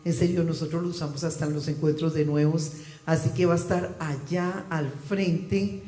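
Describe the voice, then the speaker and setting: High-pitched guy preaching, yelling cue words at the congregation, super echoey church. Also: steady tone, normal speed. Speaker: preacher leading a children's-ministry reading. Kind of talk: interactive sermon with call-and-response cues. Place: church sanctuary. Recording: echoey hall with long reverb.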